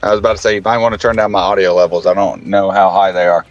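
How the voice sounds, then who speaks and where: A man's voice: deep voice, flat delivery, rapid-fire, muffled recording, soft background music. A man co-commentating a wrestling show from his car on the drive home, easygoing and apologetic about his audio. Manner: apologetic, laid-back, calls co-host partner. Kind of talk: casual commentary banter.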